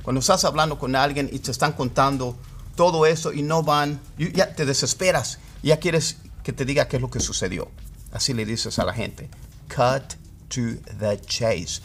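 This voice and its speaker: A man teaching English idioms. He explains patiently and repeats phrases slowly, word by word. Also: mid-range voice, fairly bright tone. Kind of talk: Spanish-language lesson on English idioms.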